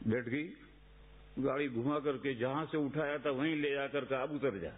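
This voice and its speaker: A man's voice: medium pitch, fairly even intonation. A man preaching in a mosque in a conversational way, asking rhetorical questions and reciting Arabic sayings. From India. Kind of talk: sermon in a mosque. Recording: tinny phone-like lo-fi recording.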